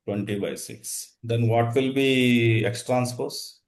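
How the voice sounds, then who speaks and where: A man's voice: mid-range voice, fairly even intonation, slow. A man teaching an interactive coding lesson, dictating in short fragments and quizzing his students as he goes. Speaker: instructor.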